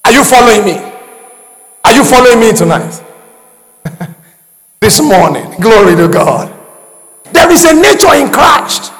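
A man preaching a sermon to a congregation, calling for responses and often shouting. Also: extremely high pitch, big pitch swings, unhurried, pauses often, in a large hall. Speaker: pastor.

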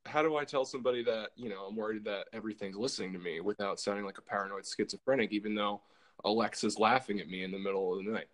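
A man's voice: fairly low pitch, steady tone, fast talker, a bit bright. A man hosting a casual podcast, telling a story in a rambling way with lots of fillers and restarts. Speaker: podcast host.

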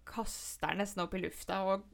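A woman's voice: mid-range voice, steady tone, creaky. A middle-aged woman in casual chat, animatedly retelling a frightening event with many restarts. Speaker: storyteller in conversation.

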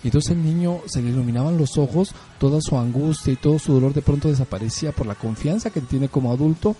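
A man's voice: on the high side, quick pace, warm tone, faint music behind. A middle-aged man with a Mexican accent, hosting a casual talk on parenting, telling stories in a chatty way with frequent rhetorical questions. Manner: storytelling, conversational, rhetorical questions. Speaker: host.

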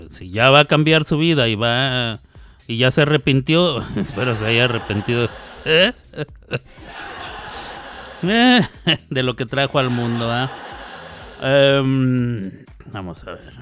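A man hosting a radio show, chatting casually and teasingly as he reads listener messages. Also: mid-range voice. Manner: chatty, teasing, wanders between loud and soft. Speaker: radio host.

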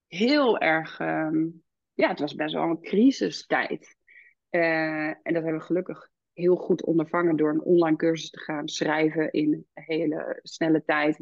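A woman's voice: fairly low pitch, creaky, no echo, lo-fi sound. A woman in her thirties, a podcast guest who speaks candidly and reflectively, with many hesitations. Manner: reflective, many fillers, animated when quoting her child. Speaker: podcast guest, founder and midwife. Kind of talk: candid conversational interview.

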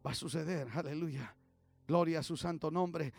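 A male pastor preaching fervently, swinging between loud shouts and low murmurs. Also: moderate pace, creaky, soft background music. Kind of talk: bilingual sermon.

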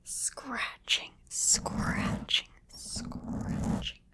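A woman whispering a playful ASMR role-play, coaxing the listener with gentle repeated instructions. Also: extremely slow. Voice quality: soft whisper. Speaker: ASMR creator.

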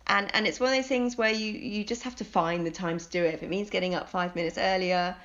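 A woman's voice: mid-range voice, fairly even intonation, fast talker, fairly bright tone. A woman, a vocal coach, explaining voice care in an upbeat, coaching manner on a podcast. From United Kingdom. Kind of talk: podcast conversation. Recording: dull lo-fi sound.

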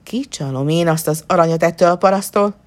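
A woman's voice: on the low side, darkish tone, close to an everyday voice. A woman voicing a greedy, proud lord who speaks in a wheedling, coaxing way. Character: greedy, proud male lord, fawning then furious.

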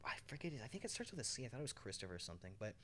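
A man's voice: fairly low pitch, very animated, racing, a bit bright, slight background noise. A man co-hosting a casual podcast chat, blunt and joking, who swears freely.

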